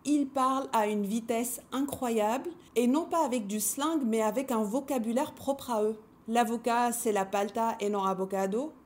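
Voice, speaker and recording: A woman hosts a language-learning video with a voice pitched a little high. She speaks in a measured, reflective way. She poses rhetorical questions to her viewers as she works through her points. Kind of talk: reflective scripted talk to camera.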